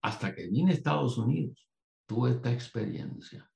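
A man from Puerto Rico preaching a sermon at a conference, animated and digressive, with asides to the audience, in an echoey hall. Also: mid-range voice, normal speed, vocal fry.

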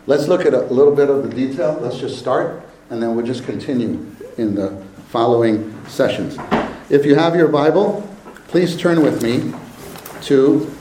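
Guy preaching at a pulpit mic, slow, keeps repeating himself, echoey hall w/ faint hum. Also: medium pitch, dark tone. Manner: slow, emphatic, repeats phrases. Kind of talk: sermon to a congregation.

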